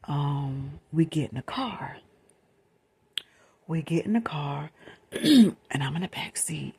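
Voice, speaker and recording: An American woman shares a storytime in a quiet, late-night whisper. Her low voice is extremely breathy and soft, often dropping into pure air. She talks informally, with slang and repeated phrases for emphasis. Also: expressive, slow pace, no room sound.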